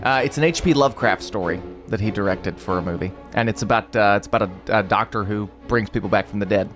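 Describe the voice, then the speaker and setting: A man's voice: on the low side, fast, a bit bright, faint music behind. Hesitant man chatting on radio. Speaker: radio co-host. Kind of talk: casual chat.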